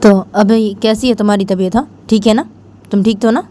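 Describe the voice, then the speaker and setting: A woman voicing an upset young woman lover who scolds her girlfriend in a shrill, raised voice with repeated questions. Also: a little fast, warm tone, slight background noise, lightly acted. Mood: pleading.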